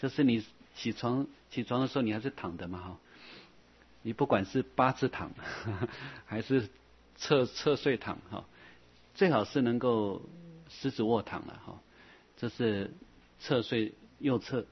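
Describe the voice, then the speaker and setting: Husky man giving a patient dharma talk. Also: mid-range voice, lo-fi sound. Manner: patient, repeats phrases with drawn-out "ah" fillers. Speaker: Buddhist teacher. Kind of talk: dharma lecture.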